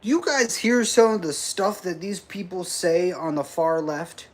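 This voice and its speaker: A man's voice: sits high, measured pace. A man hosting a political reaction livestream, talking sarcastically, laughing often and swearing freely. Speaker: livestream host.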